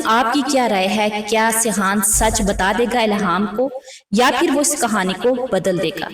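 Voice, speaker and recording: Female drama-review narrator; suspenseful, dramatic retelling, mic set back in a reverberant room. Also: medium pitch. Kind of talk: storytelling episode preview. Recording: roomy distant mic.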